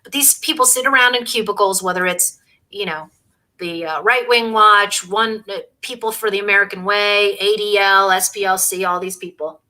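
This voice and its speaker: Bright, sarcastic woman hosting a livestream. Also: mid-range voice, normal speed. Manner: sarcastic, scornful; eating while talking. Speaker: host. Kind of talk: casual livestream commentary.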